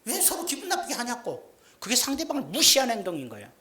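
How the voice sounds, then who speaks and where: A middle-aged male pastor delivers a homely sermon, acting out small scenes from daily life with a joking touch. His voice is bright and clear. It rings out through a roomy church hall. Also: very high-pitched, wildly swooping pitch, quick pace. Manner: folksy, joking, acts out little scenes. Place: church sanctuary. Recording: echoey church sound.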